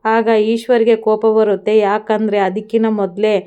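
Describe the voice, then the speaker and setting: A woman narrating a TV serial recap in a steady, matter-of-fact storytelling manner. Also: medium pitch, moderate pace, smooth, dull audio.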